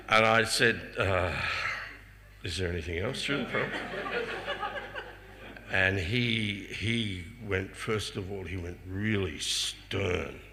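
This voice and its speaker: An older man telling personal anecdotes to a festival audience, chuckling often and stumbling over repeated words when he gets excited. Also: fairly low pitch. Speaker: speaker sharing personal memories. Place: festival hall before a live audience. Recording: reverberant hall with faint ambient noise.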